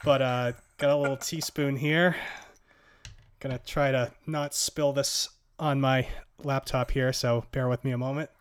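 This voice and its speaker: A man's voice: medium pitch, steady tone, unhurried, smooth. A man hosting a podcast in casual chat, rambling with fillers and nervous laughs. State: gasping from hot sauce heat. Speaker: podcast host.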